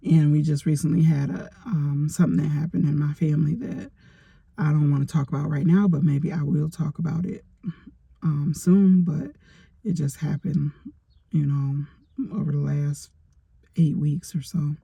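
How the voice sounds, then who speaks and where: Middle-aged woman in her car rambling on a vlog, husky and kinda gravelly, super dry phone sound. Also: deep voice, steady tone, moderate pace, dark tone, dry recording. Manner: rambling, chatty storytelling with many fillers. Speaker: vlogger. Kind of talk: casual storytime vlog. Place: parked car in a driveway.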